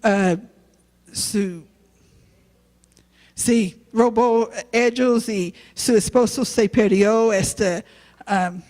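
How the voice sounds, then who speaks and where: Woman preacher, slow halting sermon in a church with long reverb. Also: a little high, darkish tone. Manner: halting non-native Spanish, slow and earnest. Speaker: guest preacher, youth pastor. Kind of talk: sermon with personal testimony.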